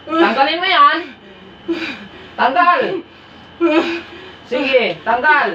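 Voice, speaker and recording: A woman faith healer leads an exorcism ritual, chanting incantations and firing off short, insistent commands. Her high, bright voice carries across a roomy, echoing space, heard from some distance. The recording is dull and slightly lo-fi. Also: a little hiss or hum. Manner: chants incantations, then barks rapid commands.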